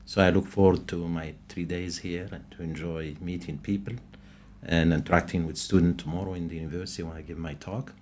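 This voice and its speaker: A man with a deep voice and a Moroccan accent, native in Moroccan Arabic, talks as a scientist guest on a podcast. He answers conversationally, with faint noise in the background. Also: fairly even intonation, fairly quick, a little mellow.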